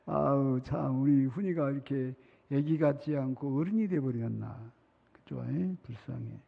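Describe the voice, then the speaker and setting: A man's voice: medium pitch, measured pace, creaky. A middle-aged man preaching a sermon as pastor, chatty, laughing often and acting out children's pleas. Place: large church sanctuary. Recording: reverberant hall, muffled sound.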